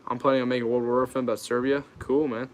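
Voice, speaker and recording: A man's voice: medium pitch, little pitch movement, fast talker, slight background noise. A young American man hosting a casual livestream Q&A, informal and hesitant, reading questions out and answering them off the cuff. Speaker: YouTube channel host.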